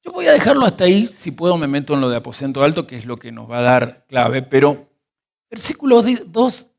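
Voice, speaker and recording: An animated man, teaching a sermon. His voice sits a little high, and he reads scripture before stretching out key words and quizzing his listeners. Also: brisk, gravelly. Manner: reads verses then explains word roots, quizzes the audience.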